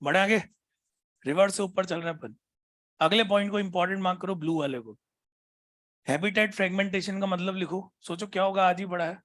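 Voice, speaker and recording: A man teaching a biology class, constantly prompting his students with questions and reading textbook lines slowly. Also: high voice, a bit bright. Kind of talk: classroom lecture.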